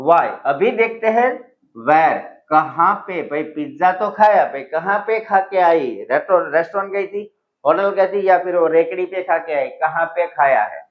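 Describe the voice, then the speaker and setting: A man teaching English grammar in a lesson, explaining slowly in Hindi and reading English example sentences aloud, sometimes spelling words out letter by letter. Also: fairly high pitch. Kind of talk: classroom-style grammar lesson. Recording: echoey room, dull lo-fi sound.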